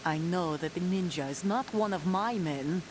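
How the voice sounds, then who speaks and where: A woman's voice: on the low side, moderate pace, heavy background noise, natural voice. A woman playing a defiant, bitter young female soldier leader in a video game, accusing and confrontational. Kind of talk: dramatic video game acting.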